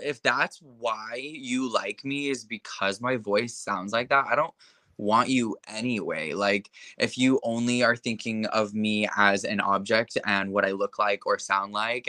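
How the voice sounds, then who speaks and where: A young man, a guest in a casual interview, talks with impassioned conviction and a heavy load of filler words. His voice sits fairly low with a sharp tone, and there's no echo.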